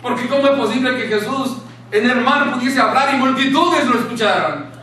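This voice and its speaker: A man preaching a sermon in a small church room, impassioned, dropping to a hushed tone when he quotes scripture. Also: very high-pitched, lively intonation, normal speed. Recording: very echoey room, distant mic, faint hiss.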